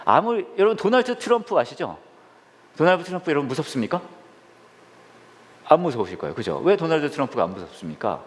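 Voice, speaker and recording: Animated male pastor with fast, lively delivery. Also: on the high side, big-room sound. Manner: animated, asks the audience questions and answers them; acts out quoted lines in changed voices. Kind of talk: Bible study teaching.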